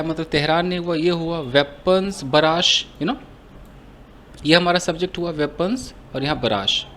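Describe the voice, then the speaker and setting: A man's voice: a little high, a bit bright, slight background noise. A man from India teaching English grammar in Hindi, explaining step by step, asking and answering his own questions. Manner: slows down to read English phrases aloud.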